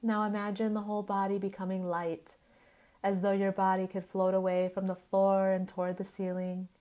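A woman leads a yoga nidra relaxation like a soothing sleep story narrator, using measured short phrases and long pauses. Her medium-pitched voice is mellow and flat in delivery.

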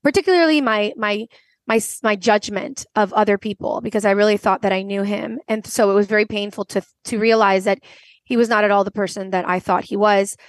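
A woman's voice: medium pitch, steady tone, fairly quick, no echo. A woman in her forties from Venezuela, a podcast guest telling a personal story earnestly, with frequent restarts. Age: 40s.

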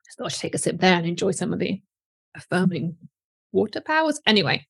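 A woman's voice: lowish voice, big pitch swings, fast, vocal fry, a bit bright, husky, dry recording, studio quality. A woman business coach giving a casual, chatty live coaching session with lots of fillers.

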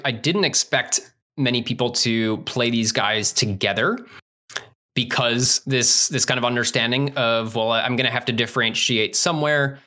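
A man's voice: medium pitch, bright, forceful tone. A man breaking down fantasy sports picks in a casual analytical podcast, thinking aloud with frequent asides.

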